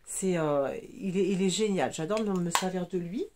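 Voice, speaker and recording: A woman's voice: on the low side, normal speed, background noise. A woman in her forties, sniffling a little, chatting enthusiastically about her makeup products. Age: 40s. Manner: chatty and enthusiastic, many fillers. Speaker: beauty vlogger. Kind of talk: casual makeup product chat.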